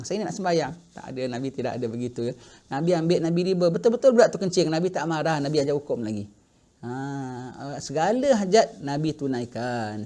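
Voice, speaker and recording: Lively man telling a religious story. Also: on the high side. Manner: animated storytelling, acting out quoted voices. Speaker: religious teacher. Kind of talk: sermon storytelling in Malay.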